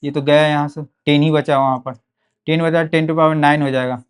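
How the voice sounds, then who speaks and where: A man's voice: fairly high pitch, little pitch movement, normal speed, smooth. A young man with a Bihari Hindi accent teaching a board exam physics lesson, repeating key terms and checking in often with "okay". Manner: repetitive, drills key words, frequent "ठीक है".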